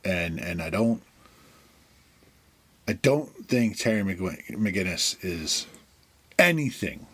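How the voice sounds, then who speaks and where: A man co-hosting a casual comic book podcast, rambling and animated, often acting out characters' lines. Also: low-pitched, slow, husky. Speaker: podcast co-host.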